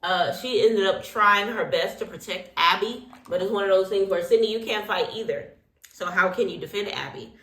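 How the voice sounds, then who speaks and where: A woman's voice: medium pitch, moderate pace, fairly bright tone, echoey room. A woman hosting a casual reality TV recap while getting ready, talking in a sassy, opinionated way full of slang and asides. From Haitian heritage.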